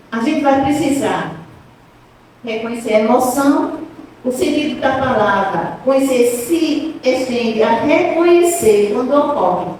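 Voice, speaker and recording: A woman's voice: high-pitched, darkish tone. A woman giving a conversational spiritist talk, asking the audience questions as she goes. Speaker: spiritist lecturer. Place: spiritist center hall. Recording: echoey hall, distant mic, faint noise.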